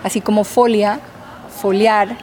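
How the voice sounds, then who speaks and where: A woman's voice: mid-range voice, fairly even intonation, a little slow, a little mellow, slight background noise. A woman professor, answering interview questions in a patient, teacherly way with many fillers. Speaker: linguistics professor.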